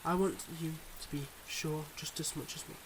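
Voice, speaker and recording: In an intimate ASMR roleplay, a man plays a suave, secretive young mob boss who is also a devoted online boyfriend, speaking to his partner in a smooth, confiding, teasing way. His voice is a little high and steady, at a moderate pace, lightly acted. Soft rain plays in the background.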